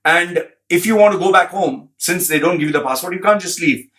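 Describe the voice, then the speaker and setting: A man's voice: sits high, a little fast, fairly bright tone. A man giving a blunt, profane commentary, repeating phrases for emphasis and reading out an article.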